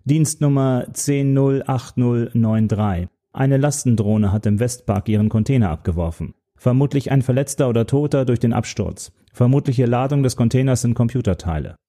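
A man's voice: medium pitch, moderate pace, few pauses, warm tone, pitched above the performer's own voice, lightly acted. A man voicing a weary 67-year-old male police detective who speaks dry and terse in a storybook. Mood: reporting.

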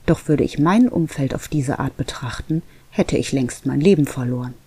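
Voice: medium pitch, expressive, normal speed, warm tone, breathy edge, no echo. A reader voicing a curious, probing bumblebee who keeps asking questions, in an audiobook. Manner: inquisitive, probing, upbeat. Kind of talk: audiobook reading.

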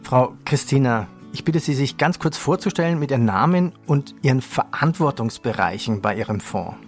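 A man moderating a finance podcast interview, brisk and lightly joking. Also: mid-range voice, expressive, soft background music.

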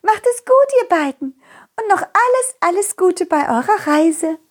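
Woman voicing a giggly storybook princess, sing-song, very high, bouncy. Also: expressive, measured pace. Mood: bubbly. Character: cheerful cartoonish young princess, giggly.

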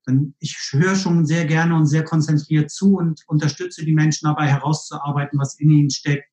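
A man from northern Germany, a podcast guest, speaking in a calm, measured way with dry humor. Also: on the high side, reverberant. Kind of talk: casual interview talk.

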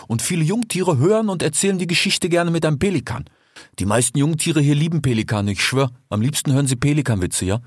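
A man playing a husky, chatty desert fox. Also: fairly high pitch, no room sound, clean studio sound. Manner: chatty, ends phrases with 'ja?'. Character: male desert fox, talkative merchant. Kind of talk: audiobook fairy tale.

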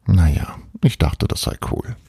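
Cheeky playful boy, a man voicing him, audiobook figure, teasing, breezy, reassuring, gravelly, dark tone. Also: on the low side, very animated, measured pace, no room sound, clean studio sound, full character voice.

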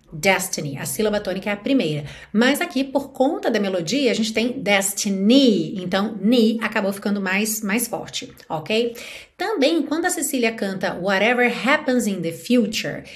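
A woman's voice: fairly high pitch, expressive, moderate pace. Brazilian woman teaching English pronunciation. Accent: Brazilian Portuguese. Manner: explanatory, often checks in with "ok?" and "certo?". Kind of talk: language lesson explaining song lyrics.

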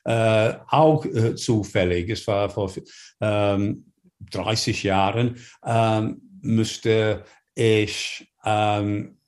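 A man's voice: on the low side, fairly even intonation, very slow, a little mellow. A man from England with an English accent, a native English speaker, answering interview questions as a storyteller, hesitant and full of fillers while he searches for words.

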